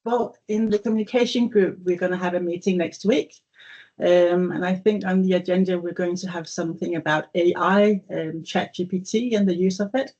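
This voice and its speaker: A woman's voice: fairly low pitch, fairly even intonation, normal speed, a little mellow. A woman from a communication group giving a friendly, chatty update in an online meeting. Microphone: video call. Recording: muffled video call audio.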